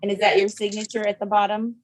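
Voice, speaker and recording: A woman's voice: medium pitch, monotone, fast talker. A woman presiding as a judge, formally putting procedural questions in a polite, formulaic way. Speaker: judge presiding over court. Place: remote court hearing, indoor room. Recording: echoey room sound.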